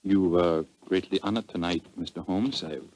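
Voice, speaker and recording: Deep-voiced, formal police chief count. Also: male voice, darkish tone. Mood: courteous, worried. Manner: formal, measured. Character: grave, courteous Count, Viennese chief of police. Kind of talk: 1940s radio drama acting. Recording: noisy vintage 1940s radio recording.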